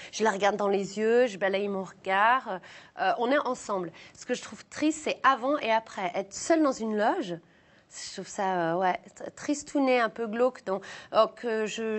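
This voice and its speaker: A young woman comedian from the south of France, mid-range voice at normal speed, talks casually in an interview as a guest. She pokes fun at herself, with lots of fillers and restarts.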